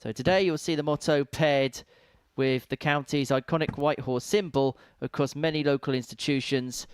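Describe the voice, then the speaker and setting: A man's voice: a little high, fairly even intonation, normal speed, smooth, dry recording. A man giving live darts commentary in a chatty, wordy way with playful turns of phrase.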